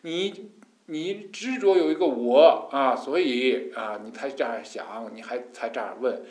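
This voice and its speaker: A man giving a colloquial sermon that explains scripture, animated and folksy, with hushed asides and mock voices. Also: medium pitch, measured pace, echoey room. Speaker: Buddhist teacher.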